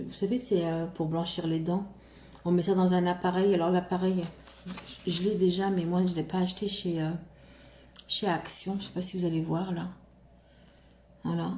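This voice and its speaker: Woman vlogger, casual haul chat, hesitant with lots of fillers, mellow tone, roomy echo. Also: lowish voice, slight background noise. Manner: hesitant, full of fillers and restarts. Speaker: vlogger showing shopping haul. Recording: roomy echo, faint room ambience.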